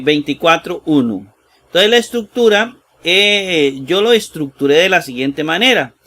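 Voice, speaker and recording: A man teaching a Bible lesson, slow and halting with many fillers, sounding out Greek words piece by piece and checking in with his listeners. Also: a little high, sharp tone. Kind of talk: screen-shared exegesis lesson.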